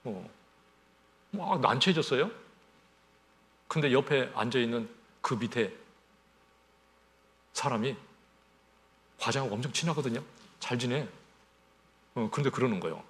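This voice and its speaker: A male pastor delivers a Sunday sermon in an easy, conversational way. His pitch sits in the middle but rises and falls with lively swings. He often throws rhetorical questions to the congregation and acts out little everyday scenes. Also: a little slow, pauses often.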